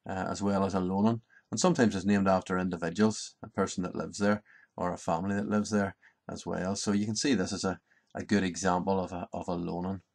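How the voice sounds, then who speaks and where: A man in his fifties with a County Antrim, Northern Irish accent, explaining things informally in a measured way, often pausing mid-sentence. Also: low voice, flat delivery, gravelly, darkish tone. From Ballycarry, County Antrim, Northern Ireland. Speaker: presenter explaining local language and place names. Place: small book-lined study, indoors.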